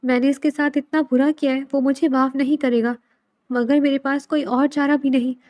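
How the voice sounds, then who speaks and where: A woman's voice: high-pitched, little pitch movement, darkish tone, dry recording, lightly acted. A woman reading the lines of a frightened young woman who pleads through tears, in a storybook drama. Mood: worried. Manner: pleading, tearful.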